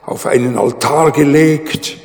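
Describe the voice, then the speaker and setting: A man's voice: on the high side, fairly even intonation, a little slow. A man preaching a sermon, retelling a Bible story dramatically and calling his listeners friends. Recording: echoey hall with long reverb.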